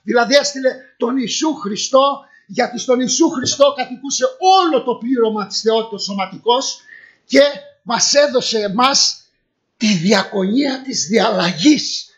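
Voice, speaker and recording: A middle-aged man preaches in a church hall, his voice sitting high for a man. He reads scripture aloud, then explains it through questions he answers himself. The recording is dull and lo-fi. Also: expressive. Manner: asks rhetorical questions and answers them. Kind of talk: sermon.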